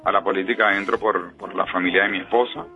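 A man born in Venezuela, a politician speaking as a radio interview guest in a measured, earnest way, heard over a phone line. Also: low voice, steady tone, pushed and bright, soft background music.

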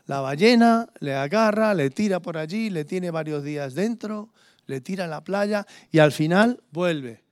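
High-voiced preacher, dry sound. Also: male voice, animated, a little slow, darkish tone, no echo. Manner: anecdotal, conversational preaching with acted-out dialogue. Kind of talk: sermon.

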